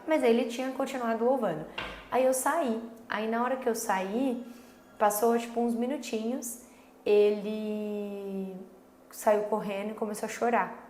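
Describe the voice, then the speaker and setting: A Brazilian woman in her thirties telling a faith story about her son in an earnest, slow, casual way, full of little filler tags. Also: a little high, fairly even intonation, a little mellow. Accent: Brazilian Portuguese. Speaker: mother sharing a faith story. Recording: echoey room with faint background noise.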